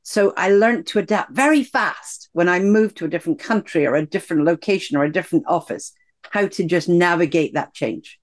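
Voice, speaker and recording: A woman's voice: fairly low pitch, brisk. A woman with a Scottish accent, an executive coach and guest, telling her story in an upbeat, enthusiastic way. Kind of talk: conversational interview.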